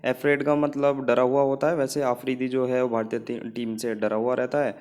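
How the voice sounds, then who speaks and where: A man of average pitch teaches vocabulary for exam students, speaking in Hindi sprinkled with English words. He walks through each word with a memory trick and keeps checking in with the class. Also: level tone, normal speed, a little mellow. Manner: explains in Hindi mixed with English words, often saying "ठीक है".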